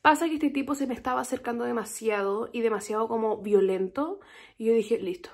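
Casual vlogger, young Chilean woman, slightly high voice, lively storyteller. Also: fairly quick. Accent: Chilean Spanish. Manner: chatty, animated storytelling with quoted reactions.

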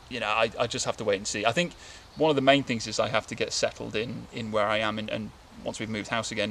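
Seated under a tarp in a wintry wood, a man with a creaky, mid-range, slightly bright voice chats to camera. This bushcraft vlogger rambles, full of fillers and false starts, over light outdoor background noise.

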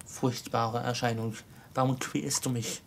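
A man's voice: medium pitch, little pitch movement, measured pace, gravelly, a little hiss or hum. A man reading the part of a cold old miser who now pleads, trembling. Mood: frightened, pleading.

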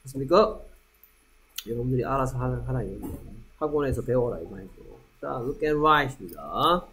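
A man teaching English in a classroom, slowly repeating English phrases after Korean prompts. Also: medium pitch, expressive, fairly bright tone. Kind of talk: classroom drill lesson.

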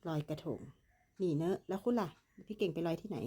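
Mellow-voiced woman teaching Chinese. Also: on the low side, fast talker, breathy edge. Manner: explains patiently, repeats words, acts out both dialogue parts. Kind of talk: bilingual language lesson, reading a dialogue.

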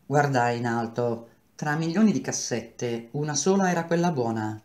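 A man reading a novel aloud in measured, even narration. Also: mid-range voice. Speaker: reader. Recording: roomy echo.

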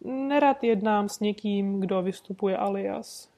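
A woman reading an audiobook, voicing a composed, courteous gentleman detective who speaks calmly and sweetly insists. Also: medium pitch, lightly acted. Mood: suave. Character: composed, suave gentleman detective, adult man.

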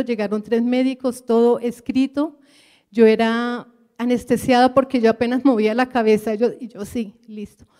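A woman's voice: a little high, mellow. A woman giving an earnest personal testimony to her church congregation, addressing them as brothers and sisters.

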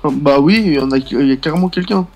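A man's voice: fairly high pitch, quick pace, gravelly, soft background music. A young man hosting a gaming video, chatting casually and teasing his teammate from a small room at home. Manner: teasing, joking banter.

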